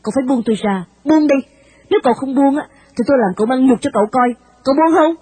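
A woman's voice: high-pitched, fast, a little mellow, breathy edge, no echo, pitched above the performer's own voice. A woman voicing a poor, proud young woman who answers firmly and formally with indignation. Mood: indignant.

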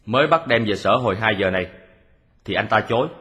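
Người đàn ông đóng thám tử điềm tĩnh, giọng trầm vang. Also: male voice, lowish voice. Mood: steady. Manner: measured storytelling, steady. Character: calm methodical male detective, modest. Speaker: detective explaining a solved case. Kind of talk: radio drama reading. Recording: long hall reverb.

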